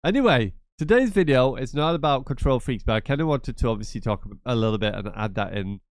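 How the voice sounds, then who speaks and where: Expressive and brisk, a man with a medium-pitched, smooth voice hosts a casual screen-share gaming tutorial. He sounds congested and nasal from a cold, chatting repetitively with rambling asides. The recording is dry and clean, studio sound.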